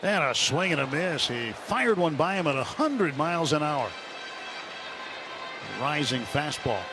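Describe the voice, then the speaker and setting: Music plays behind a fairly high-pitched, animated man who calls a baseball game unhurriedly on live radio, using clipped present-tense phrasing from the broadcast booth. The recording is a noisy ballpark broadcast with loud ambience.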